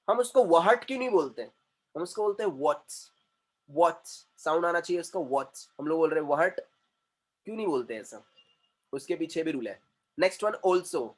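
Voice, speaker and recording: A man gives an English pronunciation lesson in a high, bright voice. He is emphatic and drills words by saying them over and over. He slips back and forth between Hindi and English as he explains. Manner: switches between Hindi and English mid-sentence. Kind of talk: classroom-style lesson.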